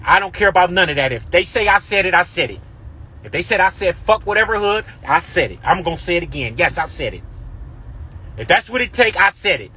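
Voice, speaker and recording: A man's voice: high voice, sing-song, a little fast, bright, forceful tone, slightly rough. Defiant, fiery-voiced Californian man ranting. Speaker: vlogger. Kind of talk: heated live-stream rant. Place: inside a car on a freeway.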